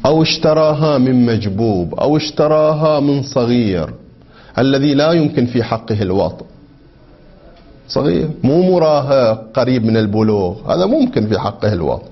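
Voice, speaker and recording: A man with a somewhat raised voice gives a seminary lecture on a legal text. He reads quoted passages slowly, then explains them through leading questions that he answers himself. The recording is dull and lo-fi. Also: on the high side. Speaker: religious jurisprudence teacher.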